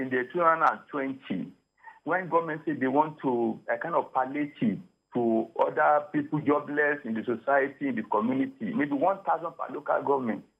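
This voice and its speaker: Husky Nigerian man as a radio show caller. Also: mid-range voice. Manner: emphatic, repeats and restarts phrases. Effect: radio show caller over a phone line. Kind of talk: phone-in call to a talk radio show. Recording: tinny phone line.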